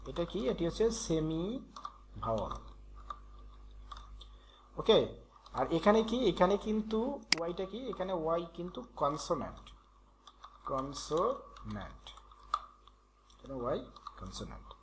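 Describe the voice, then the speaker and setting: A man's voice: a little high, sing-song, normal speed, pauses often, background noise. A man teaching English letter sounds in a patient, repetitive way, drilling each letter aloud. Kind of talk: Bengali-language grammar tutorial.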